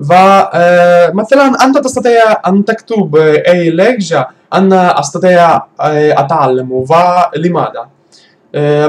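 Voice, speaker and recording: A man who is not a native speaker, talking slowly in beginner's Arabic with many fillers and pauses as he searches for words. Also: sits high. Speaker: language learner vlogger. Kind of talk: halting casual talk in a learner's Arabic.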